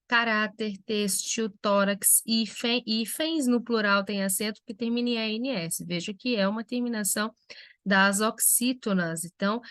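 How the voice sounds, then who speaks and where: Teacher lady going thru grammar examples slow, dry close mic, middle pitch. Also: a bit bright, dry recording. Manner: slow, spelled-out examples for students. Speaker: Portuguese language teacher. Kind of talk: recorded lecture.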